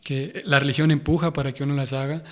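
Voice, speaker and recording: A man's voice: fairly high pitch, fairly even intonation, quick pace. A young man with a Honduran Spanish accent, a guest in an interview, speaking thoughtfully and often restarting as he searches for words. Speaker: interview guest, Hare Krishna devotee. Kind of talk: conversational interview.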